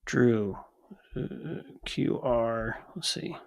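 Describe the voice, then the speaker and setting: A man's voice: mid-range voice, extremely slow, gravelly, darkish tone. A man co-hosting a podcast in casual chat, blunt and swearing freely, often cutting in over his co-host.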